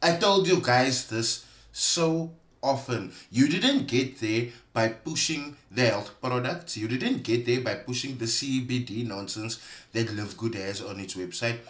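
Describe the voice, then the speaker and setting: A man's voice: mid-range voice, fairly bright tone. Echoey man, pointed commentary. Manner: pointed, addressing viewers directly, emphatic pauses. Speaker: commentator exposing online schemes. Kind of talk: reaction video commentary. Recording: roomy, echoey sound.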